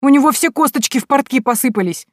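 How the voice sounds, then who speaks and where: A woman's voice: sits high, lively intonation, fast talker, no echo, studio quality, pitched above the performer's own voice. A woman voicing a cheerful, eager young boy with a ringing voice. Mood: teasing.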